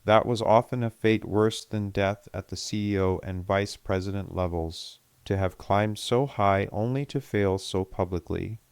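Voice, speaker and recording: A man narrating an audiobook in a steady, measured storytelling manner. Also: lowish voice, smooth, no room sound. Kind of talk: scripted narration.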